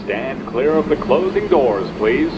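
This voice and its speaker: A male transit announcer gives a muffled subway announcement at a middling pitch. His phrasing is firm and deliberate, with very loud train noise all around. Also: lively intonation. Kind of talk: recorded subway door warning.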